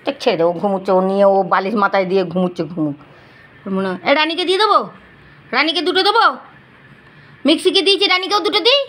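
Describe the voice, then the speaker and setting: High-voiced woman coaxing her dogs. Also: quick pace, pauses often. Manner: coaxing, scolding gently. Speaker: pet owner vlogger. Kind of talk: casual talk to pets.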